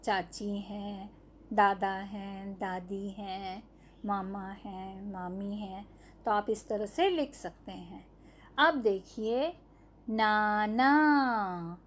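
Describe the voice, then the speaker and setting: A woman teaching an online lesson to young children, stretching out each syllable and answering her own questions. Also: medium pitch. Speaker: primary school teacher.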